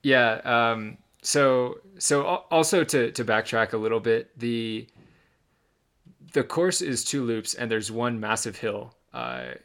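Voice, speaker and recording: A young man co-hosting a podcast casually recounts a race he ran, relaxed in his storytelling but full of ums and restarts. He's a runner with a mid-range voice and a slow pace.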